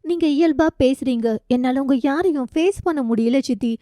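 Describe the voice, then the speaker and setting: A tearful young woman pleads for her aunt's forgiveness, put on by a woman reading a storybook. The voice sits a bit high and mellow, and the apologetic manner runs through every line. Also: normal speed, dry recording, clean studio sound, lightly acted. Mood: pleading.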